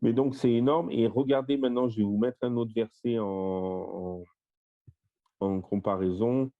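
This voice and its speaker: Using a voice-call microphone that yields dull, lo-fi audio, a man hosts an online Bible study via screen share. In a mid-range voice with fairly even intonation, he steps slowly through a list of word meanings, filling gaps with fillers.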